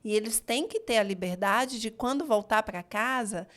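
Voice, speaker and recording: A woman's voice: on the high side, moderate pace. A woman hosting a podcast, speaking reflectively and often adding little tag questions in casual chat. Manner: warm, reflective, often adds "né?". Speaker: podcast host, mother.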